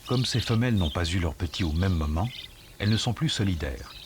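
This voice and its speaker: A man reading scripted nature documentary narration in a measured, explanatory storytelling manner. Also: low voice, lively intonation, noisy background. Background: music under the voice.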